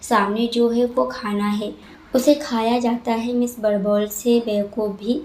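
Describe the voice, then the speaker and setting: A woman's voice: fairly high pitch, level tone, measured pace, darkish tone, slight background noise, natural voice. Brief: stern young male landlord, curt and scolding, roomy echo, read by a woman. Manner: curt and scolding, then coaxing.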